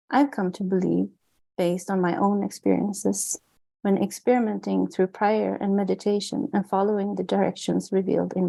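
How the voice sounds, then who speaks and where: Swedish-accented woman author reading her book aloud, gravelly and mellow, flat delivery. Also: medium pitch, rough recording. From Sweden. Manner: earnest, measured, with small restarts. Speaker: author and guest.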